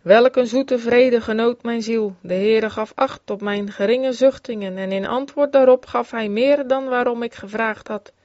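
A woman reads an old devotional memoir aloud in a fairly high voice, earnest and fervent. The recording is dull and lo-fi, with a dry sound and no room echo. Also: a little slow, few pauses, a little mellow. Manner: earnest, with rising fervor in exclamations.

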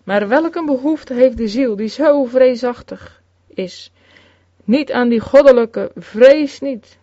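A woman reading an old-fashioned sermon aloud in a solemn, measured way with archaic phrasing. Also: fairly high pitch, warm tone, no room sound. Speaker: sermon reader. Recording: dull, lo-fi recording, dry.

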